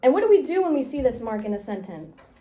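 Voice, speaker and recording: A woman's voice: sits high, very animated, quick pace, warm tone. A young woman student teacher leading a classroom micro-teaching lesson, upbeat and encouraging, with frequent laughs.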